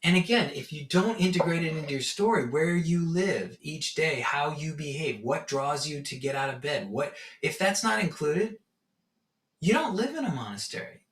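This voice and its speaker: In a casual spiritual talk, a meditation teacher with a slightly high voice speaks at a moderate pace, telling animated stories and acting out his own reactions. The recording has a roomy echo and was captured far from the mic.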